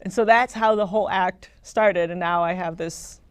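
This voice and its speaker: A woman's voice: lowish voice, steady tone, normal speed, clear, resonant tone, dry recording, studio quality. A young woman chatting casually as a podcast guest, rambling with lots of "like" and laughing often. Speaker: guest, Elvis impersonator. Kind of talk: casual podcast interview chat.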